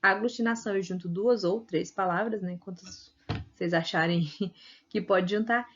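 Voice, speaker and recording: A woman's voice: medium pitch, steady tone, moderate pace, dull audio, slight background noise. A Brazilian woman teacher giving a recorded video lesson, explaining patiently and often checking in with tag questions. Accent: Brazilian Portuguese.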